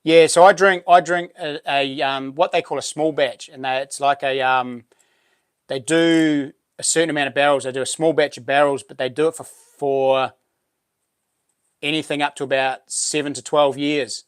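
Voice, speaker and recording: A man's voice: fairly high pitch, fairly even intonation, moderate pace, clear, resonant tone, no room sound, studio quality. A man with a broad New Zealand Kiwi accent hosting a casual live stream, chatting to viewers in laid-back, matey slang.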